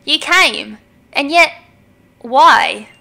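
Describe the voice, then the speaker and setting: A woman's voice: high-pitched, lively intonation, very slow, gravelly, pushed and bright, full character voice. A woman reading the lines of a driven young woman who summons a dragon, in an earnest, dramatic way. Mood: distraught.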